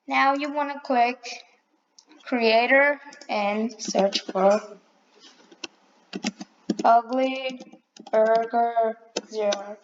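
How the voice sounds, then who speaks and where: Tutorial narrator: woman, high voice, unhurried, self-correcting asides, dull lo-fi mic. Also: a little hiss or hum. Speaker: tutorial maker. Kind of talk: casual screen-recorded tutorial.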